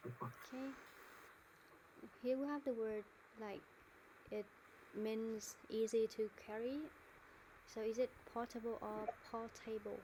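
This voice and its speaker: Woman, Vietnamese accent, speaking tutor, even tone, faint background hiss. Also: fairly high pitch, slow pace, long pauses. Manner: explains words in Vietnamese, models answers. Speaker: IELTS speaking teacher. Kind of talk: online speaking class, correcting students.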